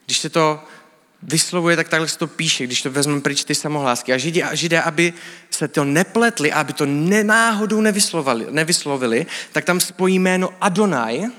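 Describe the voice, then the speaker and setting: A man's voice: on the high side, fairly bright tone. A man giving a sermon, explaining things in a casual, teaching way with colloquial speech. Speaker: preacher. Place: church hall. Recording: church hall with long reverb.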